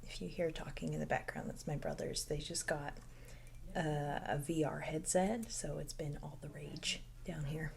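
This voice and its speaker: A young woman hosting a casual knitting podcast from home, speaking softly and often dropping to a near-whisper. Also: low voice, expressive, normal speed, vocal fry, a little hiss or hum. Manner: soft-spoken, drifting into near-whispers.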